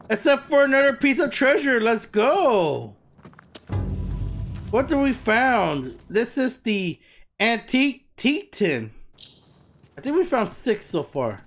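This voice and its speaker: A man giving chatty let's play commentary over a game, excitable and swearing. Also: sits high. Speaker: gameplay commentator.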